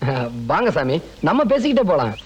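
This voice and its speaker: A man's voice: high voice, sing-song, brisk, slightly rough, muffled recording, exaggerated voice. A man playing a gullible, lovesick village landlord in a film comedy, speaking earnestly and pleadingly. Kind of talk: Tamil film comedy acting.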